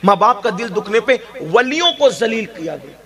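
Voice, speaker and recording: A male preacher delivers an emotional sermon in a notably high voice. He tells a story, building emphasis and urging the listeners on. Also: animated, fairly bright tone.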